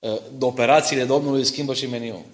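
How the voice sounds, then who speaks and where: A middle-aged man with a steady, medium-pitched voice preaches in an echoey church hall. He weaves family stories into his explanations of Bible verses and keeps asking the congregation whether they're following along.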